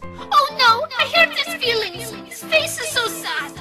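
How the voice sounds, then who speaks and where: A woman's voice: extremely high pitch, sing-song, measured pace, over music, exaggerated voice. Woman voicing a weepy young Ukraine girl. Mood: flustered, apologetic. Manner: weepy, apologetic, flustered. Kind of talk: fan-dub anime acting.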